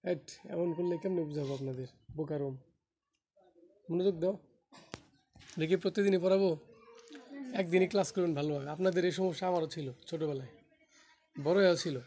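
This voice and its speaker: Mellow-voiced male English teacher. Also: fairly high pitch, brisk, long pauses, slight background noise. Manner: quizzes students, scolding and colloquial. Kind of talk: classroom grammar lecture. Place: classroom with students.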